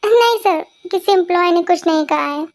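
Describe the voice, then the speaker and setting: Female dubber as a weepy young employee, high thin voice, timid. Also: normal speed. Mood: meek. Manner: sniffly, meek. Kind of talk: amateur dubbed fan story.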